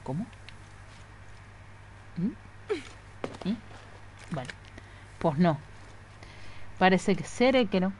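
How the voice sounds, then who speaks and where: A woman's voice: lowish voice, sing-song, drawn-out words, pauses often, slight background noise. A woman chatting casually and swearing freely as she streams a video game. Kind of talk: casual live gameplay commentary.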